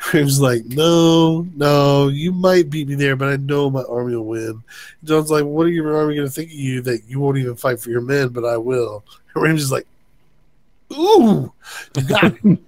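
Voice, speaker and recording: A man's voice: mid-range voice, normal speed, a little mellow, dry recording. A man co-hosting a casual TV recap, retelling scenes by acting out the characters' lines and laughing often. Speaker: podcast co-host.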